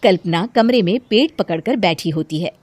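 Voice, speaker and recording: A woman's voice: mid-range voice, animated, normal speed, a little mellow, no room sound, studio quality. A woman narrating a scripted family story for animation.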